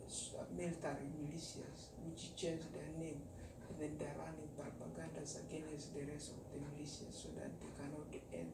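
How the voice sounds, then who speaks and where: Halting speaker, distant and echoey. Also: mid-range voice, little pitch movement, creaky. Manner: halting, heavy with "uh" fillers and restarts. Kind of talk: rambling monologue. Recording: distant, echoey room with loud background noise.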